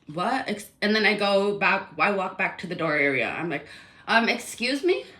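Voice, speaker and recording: A woman's voice: fairly low pitch, normal speed, sharp tone. A woman telling a personal complaint story in a casual, rambling, indignant way, full of fillers.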